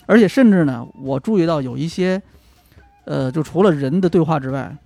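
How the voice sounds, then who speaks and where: A man in casual gaming chat who gets excitable, swears freely and steers the discussion. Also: a little high, a little fast, gravelly.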